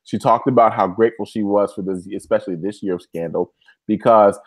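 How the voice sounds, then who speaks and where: A man co-hosting a casual TV recap podcast, animated and excitable, breaking into loud cheering. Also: on the low side, brisk. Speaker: podcast co-host.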